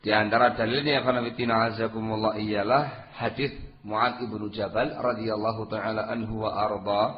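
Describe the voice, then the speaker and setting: A man with a mid-range voice delivers an Islamic sermon lecture, reciting Arabic phrases and posing rhetorical questions with emphasis. His volume swings between loud and soft, and the audio sounds dull.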